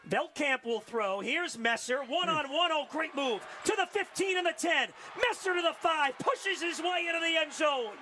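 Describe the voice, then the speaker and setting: A man doing live American football play-by-play, with shouted, excited touchdown calls. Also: very high voice, normal speed, hardly any pauses, slight background noise. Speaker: play-by-play commentator.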